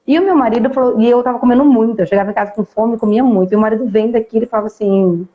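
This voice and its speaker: A Brazilian woman, an interview guest, telling a personal story in a casual, lively way and acting out bits of dialogue. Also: fairly high pitch, rapid-fire, narrow, tinny audio.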